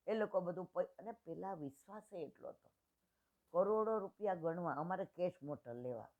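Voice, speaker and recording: A woman's voice: on the low side, normal speed. Woman in her sixties on a tinny line. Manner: retells dialogues in plain homely speech. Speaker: satsang speaker. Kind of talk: devotional storytelling talk.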